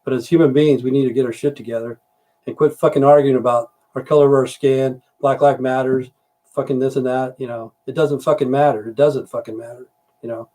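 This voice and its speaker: Steady and warm in tone, the mid-range voice of this middle-aged Idaho livestreamer moves a little fast. His casual stream is full of rambling, swearing and "you know" fillers.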